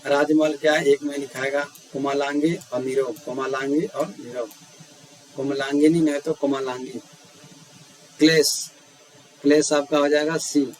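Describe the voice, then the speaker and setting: A man's voice: a little high, level tone, moderate pace, rough recording. A man teaching grammar, reading out words and their answer options one by one, repeating each word as he goes. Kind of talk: spelling quiz walkthrough. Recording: faint hiss.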